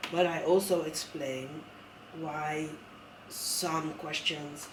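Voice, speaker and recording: A man speaks earnestly and thoughtfully in a casual conversation, often restarting his sentences. His voice is on the high side, steady, and slow, recorded from a distant mic with a roomy sound and a noisy background.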